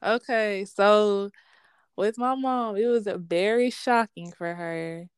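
A young woman talks in a relaxed, slangy and candid way, telling stories with lots of energy. Her voice is smooth and clear. The recording is close and dry. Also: mid-range voice, slow pace, dry recording. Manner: candid, slangy, animated storytelling. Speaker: sports podcast host being interviewed. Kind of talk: casual interview.

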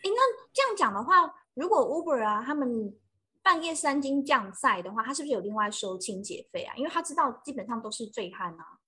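A high-pitched woman asks curious questions in a casual podcast chat. Her bright voice has a slight husky edge and moves over a wide range. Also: very animated, a little fast.

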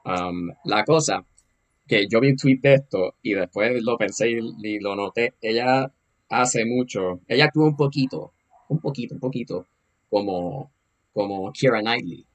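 A man's voice: on the low side, unhurried. A man, chatting casually and emphatically about film as a podcast co-host, laughing often.

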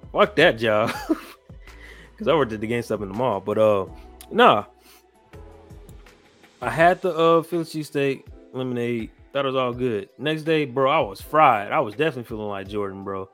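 A man's voice: medium pitch, fairly bright tone. A young man, hosting a casual podcast chat, telling rambling stories and swearing freely. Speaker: podcast host.

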